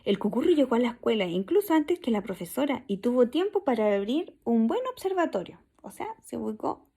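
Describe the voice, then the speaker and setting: A Chilean woman teacher reading a story to her class in an online lesson, stopping to explain new words with everyday examples. Her voice sits a little high, with a noticeable gravelly texture and a mellow, rounded tone. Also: very animated, a little fast. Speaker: primary school teacher.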